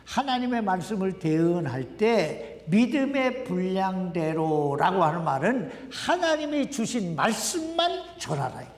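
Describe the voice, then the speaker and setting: A man preaches in a lively, high-pitched voice that swings widely as he questions his listeners. His delivery is slow and deliberate. The sound carries the long reverb of a church sanctuary, heard from some distance. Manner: conversational preaching, asks the congregation questions. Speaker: pastor. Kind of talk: sermon. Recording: echoey hall, voice from a distance.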